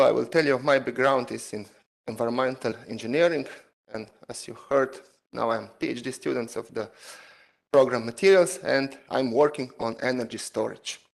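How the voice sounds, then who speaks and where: A man, a PhD student, giving an online seminar talk over a video call, halting with many fillers and non-native phrasing. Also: medium pitch, gravelly, low-quality recording.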